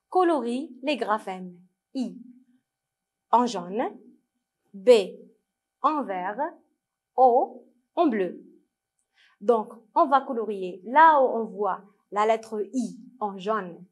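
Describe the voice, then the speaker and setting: Moroccan lady teaching little kids, slow, sounds out each syllable, voice a bit high. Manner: slow, clearly syllabled, repeating words for children to read along. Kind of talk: French lesson for young children.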